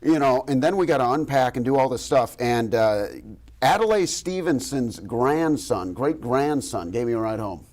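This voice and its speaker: A man who hosts a local TV news show, telling a lively, self-deprecating anecdote in casual studio chat. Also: mid-range voice, moderate pace. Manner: animated storyteller, self-deprecating, laughs as he talks. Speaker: TV news host.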